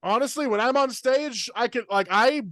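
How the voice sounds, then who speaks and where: A man's voice: very high-pitched, fairly bright tone, dry recording, clean studio sound. A young man hosting a comedy podcast, talking in a rambling, filler-heavy rush of casual chat. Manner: rambling, filler-heavy, fast torrent of words.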